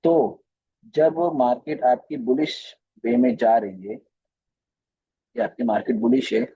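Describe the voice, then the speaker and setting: With a mid-range, husky voice and phone-quality sound, a man teaches chart reading in a recorded live trading class. He takes it slowly, speaking with a flavour, repeating phrases often and questioning his students.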